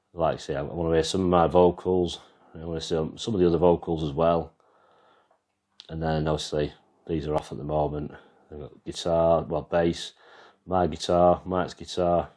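A man's voice: rumbling low, a little mellow. An English man casually walking through his band's sound mixer, rambling and explaining as he goes, filming on a handheld camera. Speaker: vlogger and band musician. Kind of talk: casual walkthrough demo. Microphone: handheld camera, freehand.

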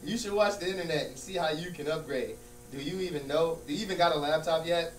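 A man's voice: fairly high pitch, quick pace, natural voice. A man acting out a smug, exasperated friend who mocks and corrects emphatically in a comedy scene. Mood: mocking. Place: large room with small stage, indoors. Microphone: far camera. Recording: distant, echoey room with hum and noise.

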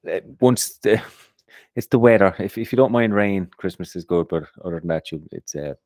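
A man hosting an investing podcast in a relaxed, casual way, often repeating his first words. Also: deep voice, moderate pace, no echo, clean studio sound. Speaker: podcast host.

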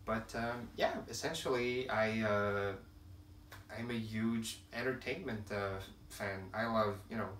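Speaking slowly in a lowish, steady, slightly bright voice, a young French-speaking man from Quebec, Canada hosts his channel casually to camera, with many fillers and restarts as he hunts for words. Shelves of films and games fill his room at home; the camera sits at a distance, so the sound is roomy with a faint hiss.

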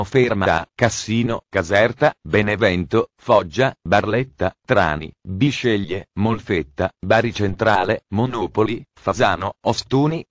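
Guy reading train station announcements, slow steady announcer style, deep-ish voice, dry close sound. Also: no echo. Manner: slow, measured announcer delivery.

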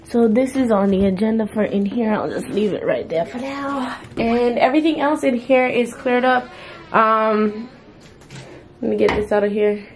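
A woman's voice: fairly high pitch, normal speed, a little hiss or hum. A young woman chatting casually to her viewers as she cleans and sorts things in her bedroom, exclaiming as she goes. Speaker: vlogger. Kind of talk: casual chat. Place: bedroom at home. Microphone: camera on the bed.

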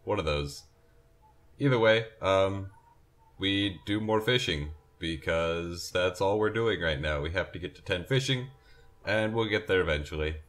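A man's voice: sits low, a little slow, a bit bright. A sleepy young man rambling and correcting himself as he comments on a farming game he is playing. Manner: rambling, self-correcting, yawning. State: sleepy, yawning. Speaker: gameplay commentator.

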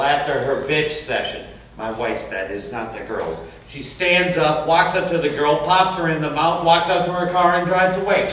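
A crude, prying stranger on a park bench rambles bluntly and vulgarly in a stage play, played by a man. His voice sits a little high. He sounds distant from the mic in a very echoey space, with faint hiss behind him. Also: fairly bright tone, close to an everyday voice. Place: stage performance.

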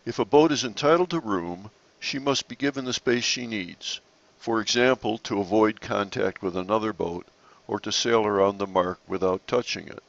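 A man narrating a slide-based lesson on sailing rules in a measured, explanatory way. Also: lowish voice, creaky, fairly bright tone, dull audio. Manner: measured, explanatory, occasional restarts.

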